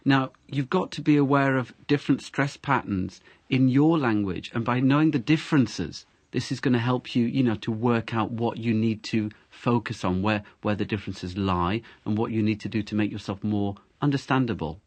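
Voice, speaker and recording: A man's voice: medium pitch, moderate pace, hardly any pauses, no room sound. A man, an English teacher, explaining word stress and exaggerating it in his examples. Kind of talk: explaining pronunciation tips.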